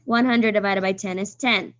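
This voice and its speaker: A woman teacher leading a math class, talking students through each step and calling on them by name, her voice a little hoarse. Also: medium pitch, steady tone, moderate pace, lo-fi sound. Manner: walks students through steps, calls on pupils by name. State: voice getting hoarse.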